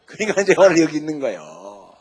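A male pastor preaching a sermon emphatically, swinging between loud exhortation and low quiet asides and calling on the congregation to say amen. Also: sing-song, fast talker. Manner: asks the congregation to say amen and repeat lines.

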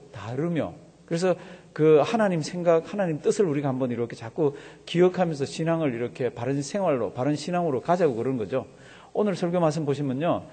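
Husky pastor preaching in an echoey hall. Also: male voice, on the high side, mellow. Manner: explains with questions to the congregation, leads scripture reading. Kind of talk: sermon.

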